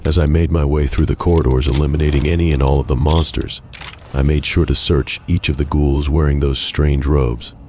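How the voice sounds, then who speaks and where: A man narrating a game playthrough as a first-person story in a measured, even way. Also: a bass voice, slight background noise.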